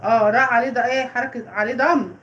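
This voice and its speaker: Egyptian mother on a live stream, fast and high-voiced, overpronounces each letter for her kid, noisy home phone audio. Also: steady tone, fairly bright tone, muffled recording. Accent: Egyptian Arabic. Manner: drills letter sounds with exaggerated, emphatic pronunciation. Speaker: mother tutoring her child. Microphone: phone livestream.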